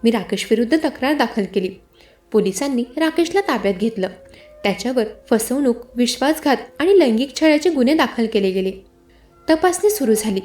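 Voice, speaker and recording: A woman's voice: fairly high pitch, lively intonation, brisk, darkish tone, soft background music. A woman telling a first-person story, voicing each character's lines herself.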